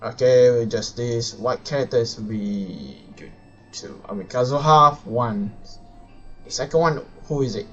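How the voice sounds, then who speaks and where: A video game live streamer with a mid-range, fairly bright voice comments casually on his gameplay, thinking aloud and muttering to himself at an unhurried pace. Game music plays in the background, and the high frequencies are cut off.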